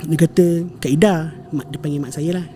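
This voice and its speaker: A man's voice: fairly high pitch, brisk, mellow, slight background noise. A young man, telling a family story as a podcast guest, with many fillers and self-corrections. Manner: rambling retelling with frequent fillers and self-corrections, mixing in English words. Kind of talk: casual storytelling conversation.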